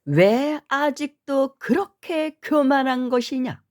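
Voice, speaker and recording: A woman's voice: medium pitch, big pitch swings, a little mellow. A woman voicing a stern old monk rebuking. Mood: scolding. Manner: thundering rebuke, slow and drawn out. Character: stern older male Buddhist monk, scolding.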